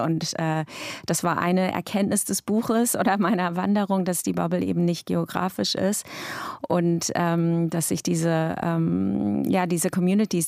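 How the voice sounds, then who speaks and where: A woman's voice: fairly low pitch, creaky, a little mellow, no room sound, clean studio sound. A woman author, a guest in an interview, answering thoughtfully with many hesitations.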